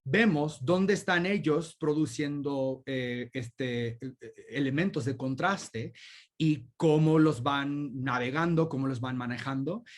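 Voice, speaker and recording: A man's voice: mid-range voice, slow. A man, the guest speaker, answering audience questions in an academic discussion over a video call and explaining thoughtfully with many examples.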